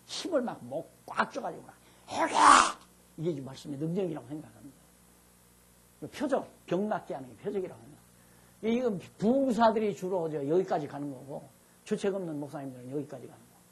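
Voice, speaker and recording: A man's voice: on the high side, animated, fast talker, slightly rough. An older man, a pastor, giving a chatty, self-reflective Bible lecture while seated before a class. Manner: chatty, self-reflective, sometimes mimics shouting preachers. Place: seated, speaking informally to a class.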